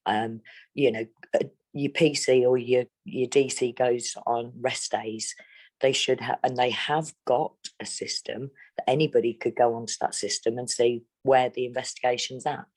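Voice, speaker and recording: A woman's voice: a bass voice, fairly even intonation, darkish tone. A middle-aged woman from England, speaking bluntly and steadily as an interviewee. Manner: blunt, plain-spoken, measured. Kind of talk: candid interview.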